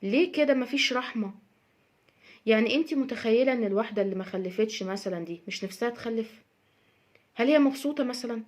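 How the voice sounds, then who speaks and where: Young adult Egyptian woman, quick, somewhat high voice, emphatic and repetitive in a casual advice monologue. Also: a little mellow. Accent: Egyptian Arabic. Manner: emphatic, repeats her points. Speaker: social media advice speaker.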